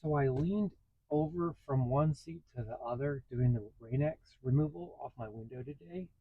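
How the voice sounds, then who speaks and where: A man casually telling stories in a vlog from inside his parked vehicle, getting animated as he retells what happened. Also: mid-range voice, normal speed, husky, dry recording, narrow, tinny audio. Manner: chatty, animated when retelling a story. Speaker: vlogger.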